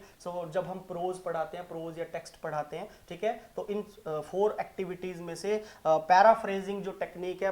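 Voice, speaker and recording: A teacher with a Punjabi accent giving an online exam-prep lesson, mixing Hindi and English, explaining slowly and often checking in with "right?". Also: mid-range voice, darkish tone. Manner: explains slowly and repeats key terms. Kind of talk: online exam-prep lesson going through multiple-choice questions.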